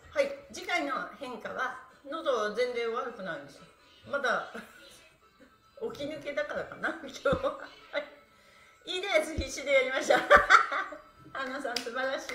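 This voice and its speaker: Leading a stretching class on a live stream, a middle-aged woman from Japan calls out counts and directions with cheer, her voice high, bright and forceful. A phone camera several meters off captures her in a small indoor room, giving a distant, echoey sound.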